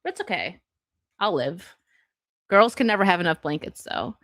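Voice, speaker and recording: A woman's voice: lowish voice, sing-song, moderate pace, a bit bright, no echo. A woman hosting a casual livestream chat, talking in a giggly, rambling way full of fillers. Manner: chatty, giggly, many "like" fillers. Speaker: streamer host.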